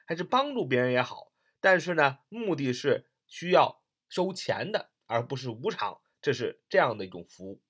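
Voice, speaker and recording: A man gives a recorded English reading lesson. His pitch rises and falls a great deal as he repeats each phrase and spells the words out slowly. He fills the pauses between explanations with short particles. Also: fairly bright tone, husky. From northern China. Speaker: English teacher.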